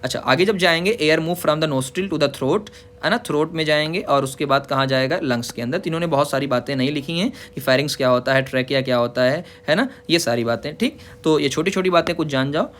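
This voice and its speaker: A man teaching a biology lesson, reading English lines slowly and explaining them in casual Hindi while asking and answering his own questions. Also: fairly high pitch, a bit bright. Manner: informal, says "yaar" and "bhai". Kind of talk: classroom lecture explaining a diagram.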